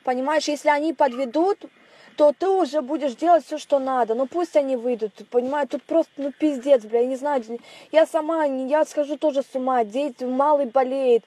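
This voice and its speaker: A woman's voice: high-pitched, brisk, dark tone. A distressed woman pleading in a private conversation over a telephone line. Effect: heard over a telephone line.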